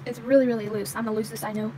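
A young woman with a fairly high voice talks through a toy unboxing in a loose, chatty way, filling pauses with "like" and "um". She speaks from behind a handheld phone camera. A steady noise sits under the recording. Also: low-quality recording. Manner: chatty, many fillers like "like" and "um". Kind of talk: casual unboxing show-and-tell. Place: indoors at a toy vet clinic playset. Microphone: handheld phone camera, speaker off screen. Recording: audible background noise.

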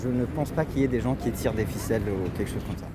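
A man interviewed in the street, answering in a calm, reasoned way. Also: medium pitch, racing. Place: city square outdoors. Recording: outdoor street recording with loud traffic.

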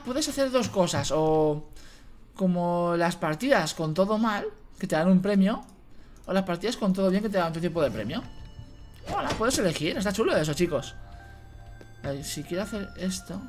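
A man's voice: high voice, lively intonation, normal speed, faint music behind. A man with a Spanish accent from Spain giving playful gameplay commentary as a youtuber. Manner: playful, translating the game aloud. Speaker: gaming youtuber.

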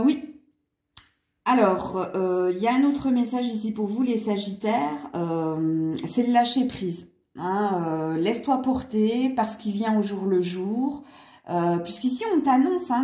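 A woman's voice: mid-range voice, warm tone, reverberant. A woman doing a casual angel card reading, chatty with many fillers and small laughs. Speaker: card reader.

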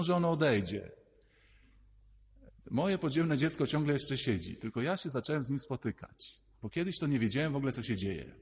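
A man, a priest, giving a lively, conversational sermon and acting out little inner voices as he speaks. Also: mid-range voice, husky, in a large hall.

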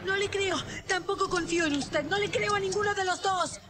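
A woman's voice: very high voice, steady tone, fairly quick, crowd noise, background noise. A woman with a Latin American Spanish accent dubbing a desperate, fiercely protective young mother in a TV drama, speaking with impassioned pleading. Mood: furious, pleading. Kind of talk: dubbed TV drama. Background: loud dramatic score.

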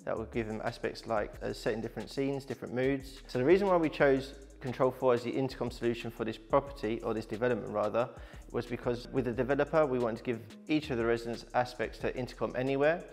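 A man in his thirties, a smart home installer showcasing his company's work, talks fast at a medium pitch with a slightly mellow voice. Soft music plays behind his matter-of-fact, instructional walkthrough of an installation, delivered like a tradesman.

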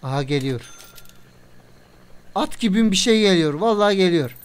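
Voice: medium pitch, lively intonation, moderate pace, clear, resonant tone. A game video creator giving casual let's-play commentary in a playful way, chatting to viewers and scolding the game characters.

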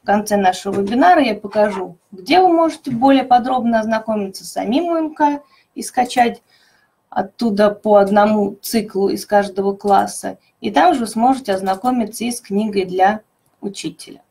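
A woman methodologist presenting a teaching webinar, explaining clearly and stressing key words. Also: mid-range voice, brisk, dark tone.

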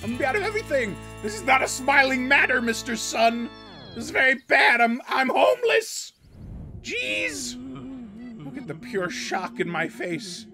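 A performer voicing a squealing, excitable cartoon guy. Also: high voice, moderate pace. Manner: excitable, rambling, squeals and yelps in alarm. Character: excitable hand-drawn cartoon man reacting to his own episodes. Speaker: reacting host character. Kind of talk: cartoon reaction commentary. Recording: loud music playing underneath.

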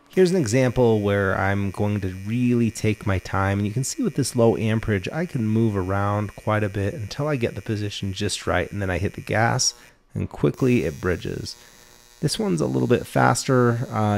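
A man in his thirties teaching welding to camera, explaining each step in a practical, calm way from a small indoor shop. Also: on the low side. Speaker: welding instructor. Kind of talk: instructional talk to camera.

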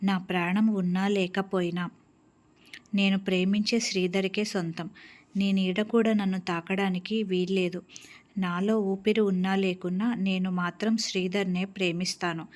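A woman's voice: medium pitch, fairly even intonation, moderate pace, a little mellow, lightly acted. A woman storyteller voicing a grieving, defiant young woman in love, her lines tearful and pleading.

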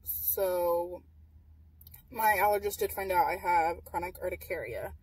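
A woman's voice: on the low side, measured pace, darkish tone, husky, dry recording, distant mic, poor audio. Tired young woman chatting in a car. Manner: candid, matter-of-fact, many fillers. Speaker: vlogger. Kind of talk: casual chat. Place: parked car at night. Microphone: camera on dashboard. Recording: voice a little off-mic in car.

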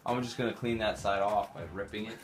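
A vlogger in his thirties gives a joking tour of the small rooms of a rundown house, talking fast in a lowish, steady voice with sardonic, mock-showy slang and swearing. It's filmed on a handheld camera indoors, with background noise.

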